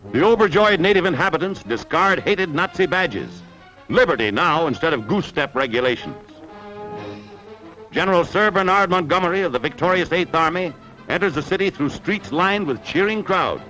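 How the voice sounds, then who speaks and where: A man's voice: high voice, lively intonation, normal speed, low-quality recording. A man narrating an old 1940s wartime newsreel in a dramatic, emphatic announcing manner. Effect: old wartime newsreel sound. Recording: narration over loud orchestral music.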